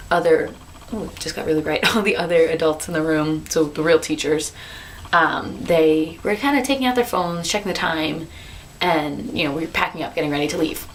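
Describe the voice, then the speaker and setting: A woman in her twenties chatting to camera as a vlogger, telling her story in a bubbly, animated way. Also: lowish voice, a little hiss or hum. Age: 20s. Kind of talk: casual chat to camera.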